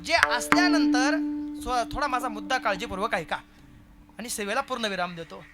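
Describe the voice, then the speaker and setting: A man's voice: very high-pitched, normal speed, sharp tone, soft background music. A man preaching a devotional kirtan sermon at a live gathering, telling the story and quizzing the audience playfully.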